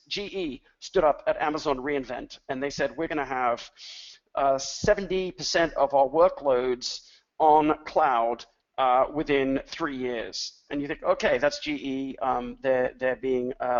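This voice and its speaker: A man's voice: mid-range voice, dull audio. A man speaking as an industry analyst on a webinar, rambling, with many fillers and restarts. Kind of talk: webinar talk.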